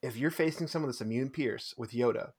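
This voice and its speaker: A man's voice: medium pitch, fairly quick, a little mellow, husky. A man co-hosting a podcast, chatting casually and self-deprecatingly with frequent laughter. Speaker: podcast co-host. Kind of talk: casual chat recapping a tabletop tournament.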